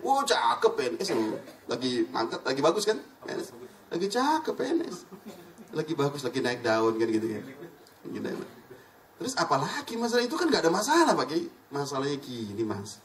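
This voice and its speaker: Animated preacher, distant mic. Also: male voice. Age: middle-aged. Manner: animated, jumps between high exclaims and low asides, acts out dialogue. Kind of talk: lively Islamic sermon with storytelling. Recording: distant mic in a hall with faint room noise.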